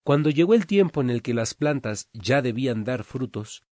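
A man's voice: medium pitch, expressive, moderate pace, darkish tone, no echo. A man preaching a sermon, telling a story in an earnest, emphatic way.

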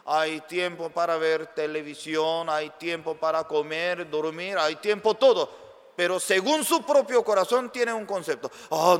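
Man preaching slow in a big echoey church hall, kinda high voice, gets loud fast. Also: clean tone. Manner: slow, emphatic preaching with sudden loud rises. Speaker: pastor. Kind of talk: sermon.

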